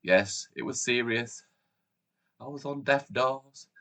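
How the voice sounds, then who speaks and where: A Yorkshire man in his forties hosts a casual YouTube countdown vlog from a room at home with shelves behind the camera. He speaks slowly but chattily and upbeat, with lively jumps in pitch and loudness, sounding chesty from a cold.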